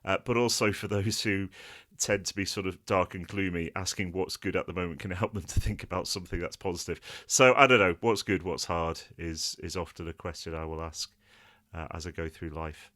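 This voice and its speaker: Bright-toned man hosting a podcast. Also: low voice, steady tone, brisk. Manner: friendly, frequent "uh" fillers. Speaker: podcast host. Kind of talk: casual podcast chat. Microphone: video call.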